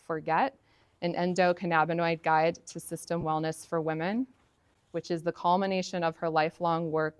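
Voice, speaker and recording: Low-voiced woman host introducing speakers. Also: clean tone, no echo. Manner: informal, fillers and self-corrections. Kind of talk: casual introductions. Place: conference room.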